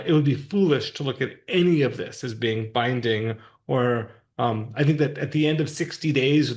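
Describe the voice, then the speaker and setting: A man co-hosting a podcast, explaining politics in a casual, thoughtful, plain-spoken way. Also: medium pitch. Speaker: podcast co-host. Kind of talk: casual discussion.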